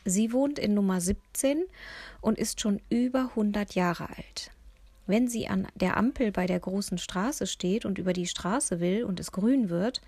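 A woman narrating a children's storybook in the first person, with a lively, expressive reading. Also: mid-range voice, dry recording. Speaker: audiobook reader.

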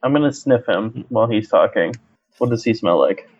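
Relaxed player on dull lo-fi audio. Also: medium pitch, normal speed, breathy edge, dry recording. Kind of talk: casual tabletop game play.

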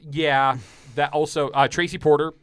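Young male co-host, relaxed and chatty, recorded dry. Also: on the high side, moderate pace, clear, resonant tone, no echo. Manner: easygoing, looks things up, fond of trivia. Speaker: podcast co-host. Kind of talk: casual sports chat.

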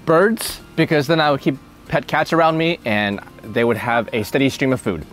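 A man's voice: mid-range voice, normal speed, soft background music. A young man in casual chat, answering would-you-rather questions, playful and thinking aloud with frequent laughs.

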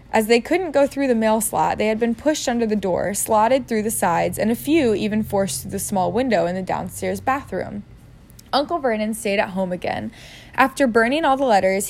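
A woman's voice: medium pitch, darkish tone. A woman reading a novel aloud in a casual way, joking about her own misreadings. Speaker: reader.

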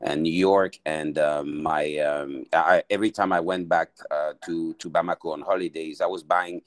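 A man's voice: a bass voice, steady tone, normal speed, no room sound. A man from Mali, a guest entrepreneur, answering interview questions hesitantly with many restarts.

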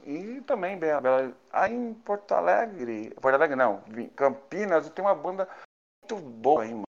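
A man's voice: on the high side, very animated, normal speed, creaky, lo-fi sound. A man with a São Paulo Brazilian Portuguese accent chatting casually in an enthusiastic, slangy way. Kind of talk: casual chat.

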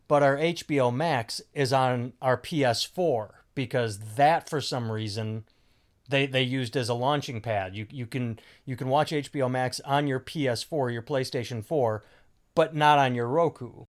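Speaking a bit slowly at a medium pitch, a middle-aged podcast host rambles through casual chat. He swears freely and often restarts sentences.

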